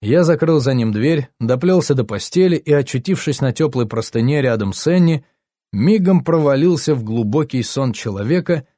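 A man narrating a first-person story, tense and hushed, his voice dropping low at grim moments. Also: lively intonation, normal speed, dry recording, studio quality. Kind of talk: audiobook narration.

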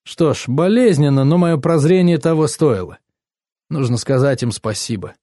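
A man reads a first-person story aloud in a brooding, bitter voice. His tone is dark and mellow, and the recording is close and dry. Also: a little high, animated, moderate pace, no room sound. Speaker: narrator. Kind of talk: first-person audiobook narration.

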